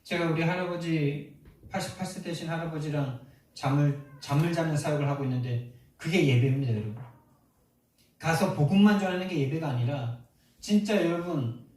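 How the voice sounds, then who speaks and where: A man's voice: fairly high pitch, moderate pace, darkish tone. Emphatic male pastor in an echoey church. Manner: emphatic, rhetorical questions to the congregation. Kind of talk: sermon. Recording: echoey hall from far off.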